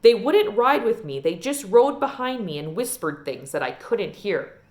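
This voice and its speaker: A woman reads a children's novel aloud with expressive, storytelling flair. Her pitch is medium and her pace moderate.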